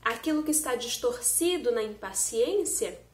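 A young woman gives an earnest spiritist talk straight to her viewers, her voice sitting a little high. She is recorded close on a phone in a room at home, with a noticeable roomy echo around her words. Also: expressive, normal speed. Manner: earnest, explanatory, speaks directly to viewers. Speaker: spiritist lecturer. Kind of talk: online spiritist lecture. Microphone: phone camera close up.

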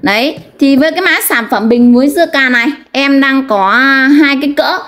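High-pitched northern Vietnamese woman, hard-sell pitch. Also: fairly quick, a bit bright. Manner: salesy, repeatedly addressing customers with polite tag particles. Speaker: online shop seller.

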